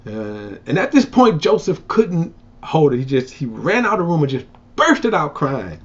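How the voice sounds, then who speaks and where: A man's voice: on the high side, very animated, moderate pace, husky. A man casually teaching from the Bible, retelling a story with many fillers and restarts, and acting out its characters in raised voices. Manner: rambling, full of fillers and restarts, acts out quotes in raised voices. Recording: dull lo-fi recording.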